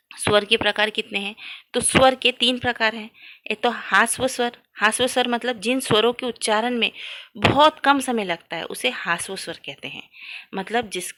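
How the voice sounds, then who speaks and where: In a classroom-style grammar lesson, a woman with a fairly high, pushed and bright voice poses questions to her students and answers them herself. She stretches out sounds to demonstrate them.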